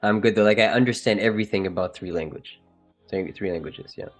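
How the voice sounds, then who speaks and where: A man with a lowish voice and a French accent hosts a live trading stream, talking a little fast over faint music. He chats casually and jokes with viewers, laughing often and sometimes trailing off before starting again.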